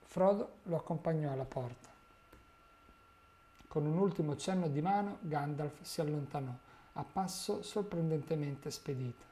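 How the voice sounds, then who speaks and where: A man narrating a novel chapter in a calm, measured reading. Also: on the high side, a little hiss or hum. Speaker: illustrator and reader. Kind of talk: audiobook narration.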